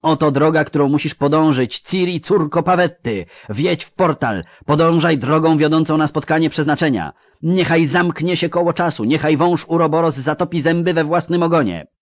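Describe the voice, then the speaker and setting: Man voicing a shrill urgent young sorceress. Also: normal speed, hardly any pauses, no room sound, clean studio sound, lightly acted. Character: small young female sorceress, urgent and commanding.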